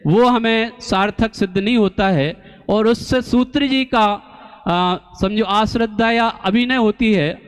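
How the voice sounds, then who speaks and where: A man giving a slow, deliberate religious discourse, teaching through rhetorical questions and pauses. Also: high voice, clear, resonant tone. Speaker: Jain scholar and preacher. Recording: long hall reverb.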